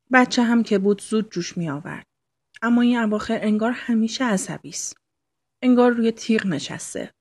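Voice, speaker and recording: Husky woman reading a novel aloud. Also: mid-range voice, no echo. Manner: calm storytelling reading, slow and intimate. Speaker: audiobook narrator. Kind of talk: scripted narration.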